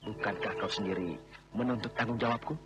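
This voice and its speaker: A man's voice: fairly low pitch, a little fast, over music, close to an everyday voice. An actor playing a domineering man who insists on marrying a woman he wronged, in a 1980s radio drama. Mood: angry. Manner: insistent, overbearing, then remorseful.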